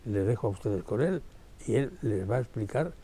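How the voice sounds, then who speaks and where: A male host introducing a guest, speaking with occasional filler pauses. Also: lowish voice, expressive, very noisy. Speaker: TV program host. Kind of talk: studio presentation.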